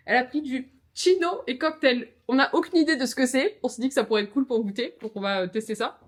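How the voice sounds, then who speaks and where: Here the young French vlogger's voice is high and brisk as she talks casually to camera on a handheld device. Bubbly and chatty, she peppers her travel vlog with "euh" and enthusiastic "trop bon," recording outside and in a hotel room overlooking a lake.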